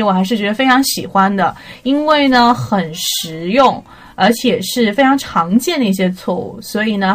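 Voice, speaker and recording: A woman's voice: mid-range voice, a bit bright. A young woman hosting a casual pronunciation lesson, mixing Mandarin with English words and spelling them out letter by letter. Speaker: English pronunciation teacher, podcast host.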